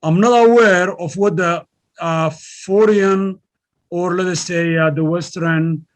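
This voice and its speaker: A man answers interview questions as a professor, his voice sitting noticeably high for a man. He explains points in a measured, lecturing way and lifts his pitch sharply to stress key words. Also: steady tone. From Somalia. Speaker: guest economics professor.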